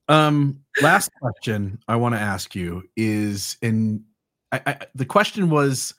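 A man hosting a podcast interview, asking loose, rambling questions in a relaxed way. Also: mid-range voice. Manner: relaxed, asks rambling questions, short affirmations. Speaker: podcast host. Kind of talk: conversational interview.

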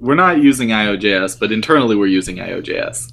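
A young man from Rhode Island co-hosting a gaming podcast, earnest and halting, often restarting his sentences. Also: lowish voice, lively intonation, creaky, fairly bright tone, a little hiss or hum. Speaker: podcast co-host and web developer. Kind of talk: casual podcast chat.

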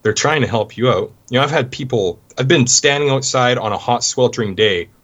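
A man's voice: medium pitch, a little fast, a bit bright. A Canadian man talking casually about life abroad, rambling with many restarts. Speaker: guest. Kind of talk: casual conversation. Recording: dull lo-fi sound.

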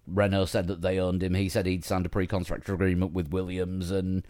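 A man with a fairly low voice talks in a loose, rambling way. He often stops and restarts his sentences and fills gaps with ums. The tone is casual podcast chat. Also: flat delivery, fairly quick, a little mellow. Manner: rambling, with many fillers and restarts. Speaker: podcast host. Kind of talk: casual chat about motor racing.

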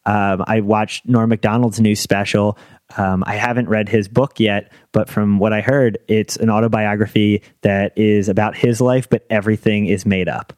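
A man's voice: lowish voice, fairly even intonation, normal speed, a little mellow, no room sound. A young man from the Philadelphia area, a stand-up comedian, joking about himself in a casual podcast chat. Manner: self-deprecating, dry joking.

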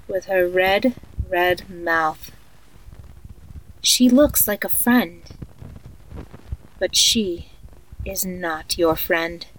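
A female performer plays an eerie woman narrating a guided sleep meditation in a horror audio story. She speaks very slowly and softly, like a sleep story narrator. Her mid-pitched delivery is soothing yet haunting. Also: low-quality recording. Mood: calm, ominous.

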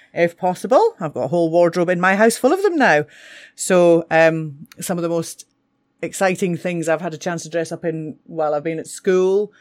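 A woman teacher, talking with enthusiasm about books she loves. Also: low voice. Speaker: English teacher. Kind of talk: casual talk for school radio.

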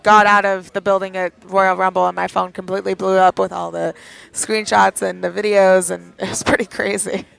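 A woman co-hosting a podcast with a hoarse, lost voice, chatting casually and playfully. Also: medium pitch, little pitch movement, moderate pace, a bit bright, low-quality recording. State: hoarse, has lost her voice. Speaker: podcast co-host. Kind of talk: casual chat.

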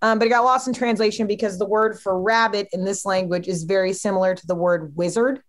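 A woman with a voice of middling pitch hosts a relaxed podcast chat. She reads out trivia questions and teases her friends in an easygoing way. Her delivery is casual and chatty. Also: fairly quick. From Kansas City, USA. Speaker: podcast host.

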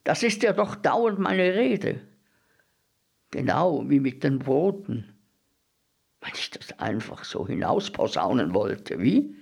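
A man's voice: mid-range voice, very animated, measured pace, gravelly, darkish tone, husky, heavily acted. A man voicing a complaining bread merchant who exclaims in a story reading. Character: grumbling middle-aged male bread merchant.

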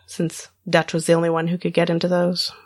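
A woman with a notably deep voice talks casually as a podcast co-host, thinking aloud in a tentative way. The sound is close and dry. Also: monotone, a little fast, a little mellow, no room sound. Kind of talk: casual discussion.

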